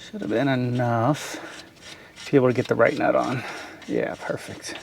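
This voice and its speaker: A man's voice: medium pitch, flat delivery, brisk, creaky, background noise. A man chatting casually while working on a truck in his garage, laughing often and a bit out of breath. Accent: Californian English. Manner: chatty, laughs often, calls viewers guys. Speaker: garage vlogger. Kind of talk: casual how-to narration. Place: home garage.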